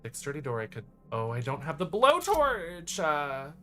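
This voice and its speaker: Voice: medium pitch, wildly swooping pitch, moderate pace, fairly bright tone, faint music behind. A live streamer chatting casually with viewers while playing a game, in a campy, exclamatory drag-slang manner. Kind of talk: casual live gaming commentary and chat with viewers.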